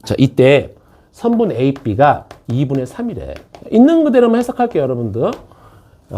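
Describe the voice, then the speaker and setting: Husky, lively male math teacher. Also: mid-range voice. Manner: chatty, jokes with students, keeps checking in. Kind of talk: classroom lecture. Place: classroom.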